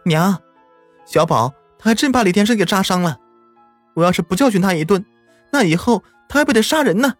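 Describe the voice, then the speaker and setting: A man's voice: high-pitched, expressive, brisk, no echo, soft background music, voice pushed up. A man voicing an anxious village mother who sharply scolds her son. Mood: pleading.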